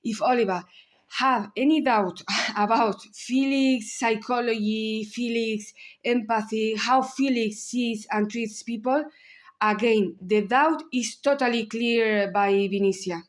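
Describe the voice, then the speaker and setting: A woman's voice: a little high, fairly even intonation, slow pace. A woman in her thirties with a Spanish accent, giving a candid film analysis with blunt asides. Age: 30s. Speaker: video essayist.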